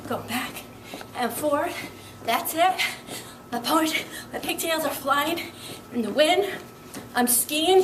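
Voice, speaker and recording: Breathless high-voiced fitness instructor woman. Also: a bit bright, reverberant, distant mic, a little hiss or hum, poor audio. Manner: upbeat, encouraging, counting reps aloud. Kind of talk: workout instruction.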